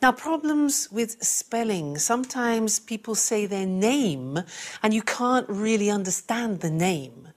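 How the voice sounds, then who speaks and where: A woman teaching an English lesson, speaking clearly and repeating key phrases for learners. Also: mid-range voice, lively intonation, slow pace. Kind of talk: classroom lesson.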